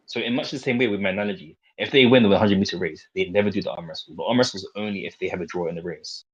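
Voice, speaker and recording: A man's voice: sits low, very fast, breathy edge, dull audio. A man in a casual debate, methodically explaining his point through step-by-step analogies.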